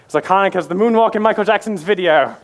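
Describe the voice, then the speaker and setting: An actor playing a vain, flamboyant pirate captain in a stage musical, theatrical and wordy, with a swaggering, wheedling manner. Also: male voice, high-pitched, fast.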